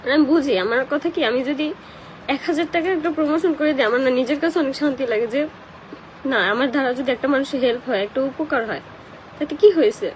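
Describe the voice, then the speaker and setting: A young woman with a Bangladeshi accent cries as she chats casually on a live stream and answers comments, her talk tearful and emotional. She does paid promotions. Her high voice comes fairly quickly, and the poor audio carries a little hiss or hum.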